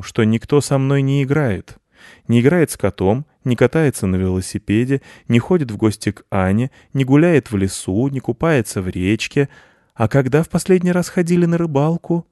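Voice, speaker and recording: A man's voice: medium pitch, animated, normal speed, mellow, no echo, clean studio sound, voice pushed up, lightly acted. A man voicing a lazy, self-important male house cat who lectures in a storybook reading. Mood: lecturing. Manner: pompous and lecturing.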